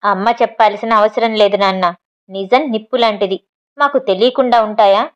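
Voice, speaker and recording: A woman's voice: mid-range voice, fairly even intonation, brisk, muffled recording, close to an everyday voice. A woman voicing an angry grown son who heatedly accuses his father, in a storybook reading. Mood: accusing.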